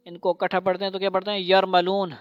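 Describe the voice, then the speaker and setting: A woman teaching Quran recitation to a child, spelling out syllables slowly for repetition and then explaining rules in quicker bursts. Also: medium pitch, completely flat delivery, no room sound, dull audio.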